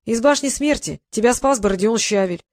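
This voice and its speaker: A woman's voice: on the high side, lively intonation, normal speed, a little mellow, no room sound, clean studio sound, lightly acted. Woman voicing a grumpy unseen creator, male. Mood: grumbling. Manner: irritable, lecturing, sighing.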